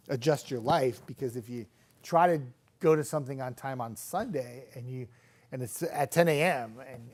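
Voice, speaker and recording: A young man who works as a TV meteorologist, chatting casually on a live stream, self-deprecating and laughing often. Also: medium pitch. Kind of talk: casual live stream chat reading viewer comments.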